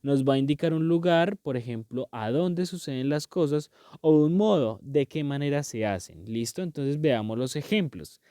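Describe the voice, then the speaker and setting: A man's voice: on the high side, lively intonation, normal speed, mellow, clear, resonant tone, no room sound, studio quality. A man teaching a grammar lesson, patient and explanatory, checking often that his students follow. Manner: patient, repeats "¿cierto?" and "¿listo?" to check understanding.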